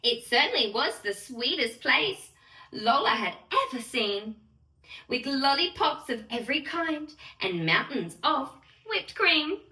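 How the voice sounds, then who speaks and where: High and sharp-toned, a woman's voice reads a bedtime story aloud to small children in a theatrical sing-song manner, talking directly to them. There's a roomy echo from the distant microphone.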